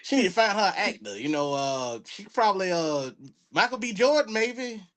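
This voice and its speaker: A man's voice: sits high, sing-song, moderate pace, a bit bright. Joking Southern man on a podcast. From Florida. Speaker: comedian guest. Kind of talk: casual podcast chat.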